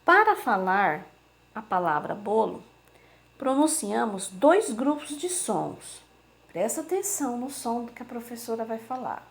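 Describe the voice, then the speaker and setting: A woman teacher giving a slow, patient remote lesson to young children, sounding out words syllable by syllable. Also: a little high, very animated. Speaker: primary school teacher.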